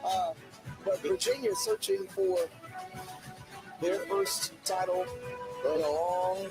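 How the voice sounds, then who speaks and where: Sports broadcaster over loud music. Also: mid-range voice, very animated, takes it slowly. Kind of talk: live football commentary.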